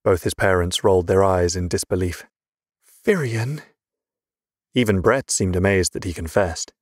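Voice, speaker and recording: A male narrator reads a fantasy novel in a very deep, measured voice. The recording is close and dry, with no room sound at all. His telling stays steady and even. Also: dry recording. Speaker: audiobook narrator. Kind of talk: scripted narration.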